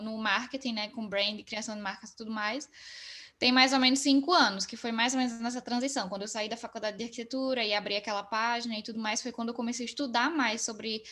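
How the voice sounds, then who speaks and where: Chatty woman, fairly high. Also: brisk. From Northeast Brazil. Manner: relaxed, talkative, frequent fillers. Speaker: guest. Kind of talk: casual interview chat.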